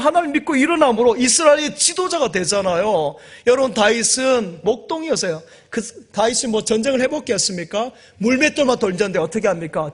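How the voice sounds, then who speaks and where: A man preaching a Sunday sermon as pastor, fervent and calling out to the congregation, at times rising to shouts and at times dropping to soft asides. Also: very high voice. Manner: fervent, swells to shouts of affirmation; addresses congregation often, drops to soft asides. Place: church sanctuary.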